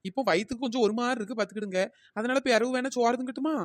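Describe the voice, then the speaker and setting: A cheeky young daughter-in-law, voiced by a woman in a cartoon, talking back quickly in a slightly high voice. She, and the recording sounds dry and close. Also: no room sound, lightly acted. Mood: pleading. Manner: pleading then muttering backtalk. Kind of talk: cartoon dialogue.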